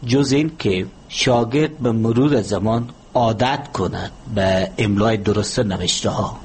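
A man, a language expert being interviewed, explaining in a measured, lecturing way with hesitant pauses. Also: on the low side, a little hiss or hum.

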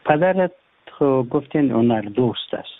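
A man's voice: mid-range voice, animated. A man hosting an interview, asking questions in a friendly, playful way. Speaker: interview host. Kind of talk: casual interview talk. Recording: tinny phone-like line.

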